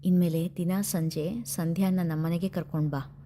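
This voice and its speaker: A gentle, motherly middle-aged woman, as a woman narrator puts her on, speaking in a low, warm voice that soothes and coaxes. There is faint background hiss. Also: fairly even intonation, normal speed, lightly acted. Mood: caring.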